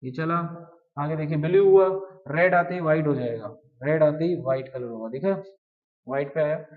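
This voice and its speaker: Through a distant mic with dull, lo-fi audio, a man whose voice is a little high walks students through web design at normal speed in a live coding session. His tone stays conversational, and he frequently asks the class questions.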